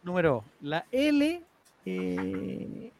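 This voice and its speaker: A man's voice: high voice, very animated, very slow, creaky, a little mellow, no room sound. A man, telling a story as a podcast host in a rambling way, with restarts and laughs. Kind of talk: casual storytelling to co-hosts.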